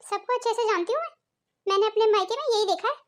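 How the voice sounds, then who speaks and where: A woman voicing a young, bossy, earning daughter-in-law in a cartoon, speaking in a sharp, scornful, boastful way. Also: very high-pitched, fast talker. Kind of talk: cartoon voice acting.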